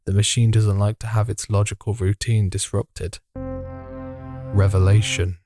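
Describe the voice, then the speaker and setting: A man's voice: on the low side, level tone, moderate pace, dark tone, no echo, studio quality, faint music behind. A man playing a visual novel, reading its narration aloud and reacting with swearing and jokes. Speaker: gaming video host.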